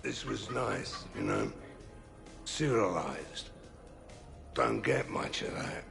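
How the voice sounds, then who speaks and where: A swaggering old male mercenary from a video game. His voice is deeply gravelled and crackling, the delivery slow, blunt and folksy. Music plays behind. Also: wildly swooping pitch, a bit bright, heavily acted. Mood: mellowed.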